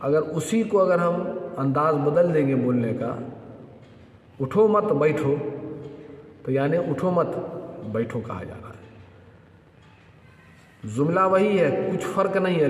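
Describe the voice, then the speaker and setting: A man giving a religious lesson, explaining each point slowly and deliberately. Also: fairly high pitch. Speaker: religious teacher. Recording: echoey hall with long reverb.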